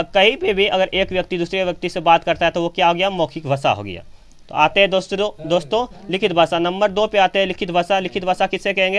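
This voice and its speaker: A man's voice: high voice, clean tone. A man teaching a grammar lesson on camera, asking questions and answering them himself, often repeating key phrases. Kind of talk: classroom lecture on grammar. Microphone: camera operator recording.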